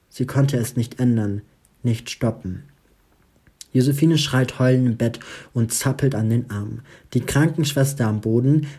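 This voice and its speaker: A man's voice: medium pitch, warm tone, breathy edge. A man narrating an audiobook in a dramatic storytelling manner. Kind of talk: audiobook reading.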